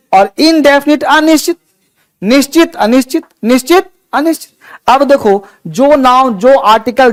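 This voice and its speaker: High-voiced Indian man teaching grammar. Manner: explains in mixed Hindi and English, repeats key words, quizzes students. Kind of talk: classroom lecture.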